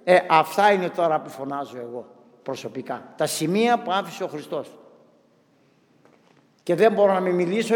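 Fervent high-voiced priest in reverberant church. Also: male voice. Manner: fervent, preaching with rising emphasis. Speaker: Orthodox priest. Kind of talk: sermon.

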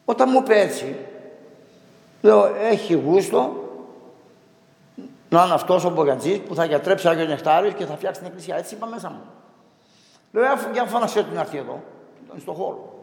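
A middle-aged male priest telling a story in a slow, emphatic sermon style, acting out the dialogue as he goes. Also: high-pitched, animated, gravelly. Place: church. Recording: echoey church with long reverb.

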